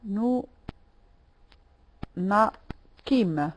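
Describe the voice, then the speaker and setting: Woman French teacher, unhurried and patient, mid-pitched, repeats each word for students. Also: lively intonation, poor audio. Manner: patient, repeats words and corrects students by name. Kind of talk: online language lesson.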